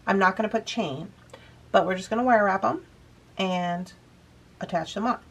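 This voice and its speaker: A husky-voiced woman of medium pitch speaks at a normal pace, leading a relaxed beading tutorial. She chats through every step as she goes, sounding slightly sniffly, in the style of an easygoing how-to craft demo.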